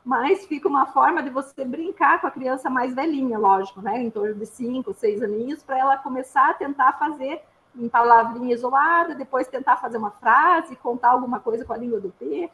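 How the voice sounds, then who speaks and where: A woman's voice: high voice, a little fast, fairly bright tone, rough recording. A woman speech therapist with a Brazilian accent, giving an informal, patient explanatory talk with frequent little tag questions. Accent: Brazilian Portuguese.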